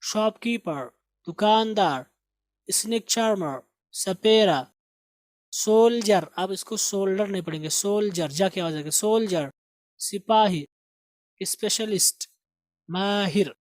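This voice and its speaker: A teacher, slowly explaining English grammar and repeating words aloud for pronunciation. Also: mid-range voice, no room sound, clean studio sound. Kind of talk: spoken grammar and vocabulary lesson.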